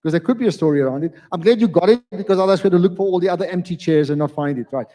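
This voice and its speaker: A man hosting a live book launch event, chatty and lively, often restarting his sentences. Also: high voice, very fast. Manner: chatty, lively, self-interrupting. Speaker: event host. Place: community hall. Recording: reverberant hall.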